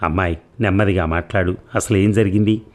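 A man voicing an elderly mother-in-law who pleads earnestly and calmly, in an audio story. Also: sits low, brisk, natural voice. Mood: soothing.

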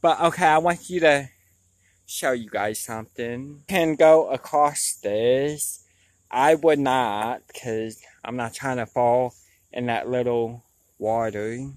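A man in his twenties speaks slowly in a mid-range voice, chatting with viewers as he walks a nature trail. He calls them "y'all" in a relaxed way. The outdoor audio comes through a small lapel mic and sounds dry.

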